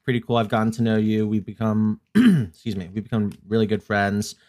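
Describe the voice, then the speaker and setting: A man's voice: lowish voice, brisk, darkish tone. A young man hosting a casual podcast, teasing his friend and laughing often. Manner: teasing, exasperated, laughs a lot. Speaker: podcast host. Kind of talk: casual chat.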